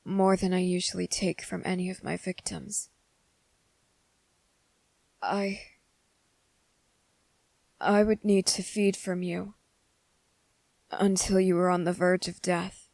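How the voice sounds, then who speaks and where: A woman voices a young male vampire, a devoted and possessive lover, in an ASMR roleplay, speaking slowly, softly and intimately and sometimes dropping to a whisper. Her lowish, creaky voice stays flat and even, carrying a tender, grave mood. The recording is close and very dry, with no room sound at all.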